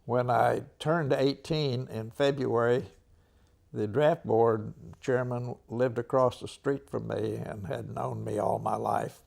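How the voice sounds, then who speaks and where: Elderly American man, old veteran remembering, very slow pace, creaky gravelly voice, halting delivery, throat clearing. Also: mid-range voice, fairly even intonation, a little mellow. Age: 90s. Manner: halting, frequent throat clearing and long pauses. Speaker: World War II veteran. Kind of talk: old veteran remembering, unscripted interview recollection.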